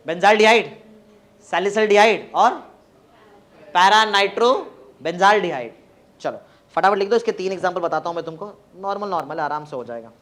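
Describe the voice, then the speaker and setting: A man teaching chemistry in a classroom, dictating notes slowly and spelling words out letter by letter. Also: high voice, fairly bright tone. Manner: mixes Hindi and English, urging students to hurry.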